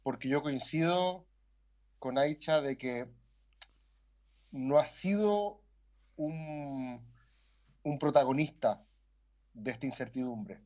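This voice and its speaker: Measured man, lo-fi sound. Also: medium pitch, darkish tone. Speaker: philosopher guest. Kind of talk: panel discussion.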